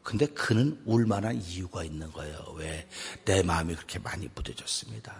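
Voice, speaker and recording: A middle-aged male pastor preaching a dramatic sermon in a church, dropping to a hushed voice for acted prayers and rising to loud exhortation. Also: low voice, expressive, fairly quick, slightly rough. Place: church sanctuary.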